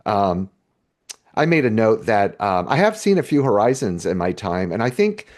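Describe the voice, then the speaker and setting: Very animated yet speaking at normal speed, a man with a fairly low, darkish voice co-hosts a podcast. The unscripted conversation about a book chapter is casual, and he hesitates and rambles as he thinks out loud.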